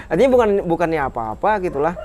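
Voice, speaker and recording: A man with a Banjar-tinged Indonesian accent hosting a casual interview, speaking in a relaxed, drawn-out way. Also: on the high side, over a noisy crowd. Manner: relaxed, drawn-out, many soft hums of assent. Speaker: host.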